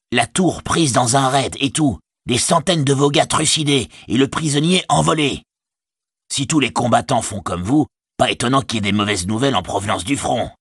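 A man's voice: medium pitch, fairly bright tone, slightly rough, dry recording, studio quality, voice pushed up. A man voicing a whiny, sneering male orc tracker in an audiobook, his voice raised into a snarl.

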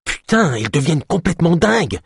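A man voicing a frightened young woman on the run, raising his pitch, urgent and tense. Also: big pitch swings, fairly quick, vocal fry, breathy edge, dry recording, studio quality, heavily acted. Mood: shocked.

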